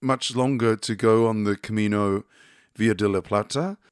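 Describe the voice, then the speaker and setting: A man's voice: lowish voice, no room sound, clean studio sound. A male interviewer chatting casually and asking eager, enthusiastic questions. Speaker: interviewer, vlog host.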